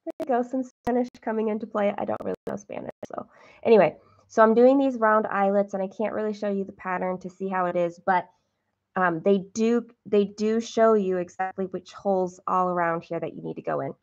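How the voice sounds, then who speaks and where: A woman's voice: mid-range voice, fairly even intonation, fairly quick, darkish tone, highs cut off. A woman hosting a cross-stitch livestream, chatting casually and self-deprecatingly with viewers while counting her stitches.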